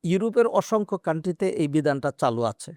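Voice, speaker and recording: A man, an Islamic scholar answering questions in a measured, explaining way with hesitant fillers. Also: fairly high pitch, big pitch swings, a little mellow, no echo, clean studio sound. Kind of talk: religious Q&A interview.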